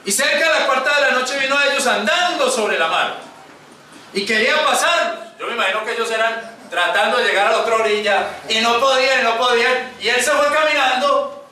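A man preaching, retelling a Bible passage in a lively way and acting out the people in it. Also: very high voice, brisk, a little hiss or hum. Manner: lively storytelling with acted quotes. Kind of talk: sermon, Bible passage retold. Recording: echoey room, mic far off.

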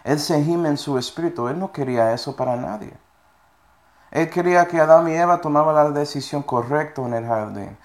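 A man's voice: on the high side, a little fast. A man preaching a sermon, reading scripture verses aloud and often checking in with his listeners with short questions. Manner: reads scripture verses aloud between explanations.

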